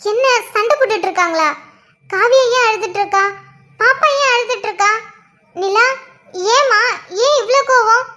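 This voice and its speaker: A woman's voice: extremely high pitch, moderate pace, long pauses, bright, forceful tone. Woman voicing a soothing cartoon mother-in-law. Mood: concerned. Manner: pleading, soothing. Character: middle-aged mother-in-law, calm peacemaker. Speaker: cartoon character voice. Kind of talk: cartoon drama dialogue.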